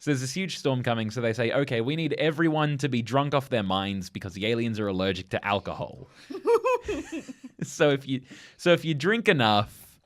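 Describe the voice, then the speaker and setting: A man's voice: medium pitch, big pitch swings, moderate pace. A man co-hosting a film podcast, chatting casually and laughing often, with frequent restarts. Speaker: podcast co-host. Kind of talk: casual film-review chat.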